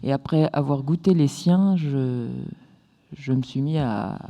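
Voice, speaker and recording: A woman's voice: rumbling low, measured pace, long reverb tail, highs cut off. A woman, a cooking guest, explaining a recipe in a friendly, precise way during a casual interview.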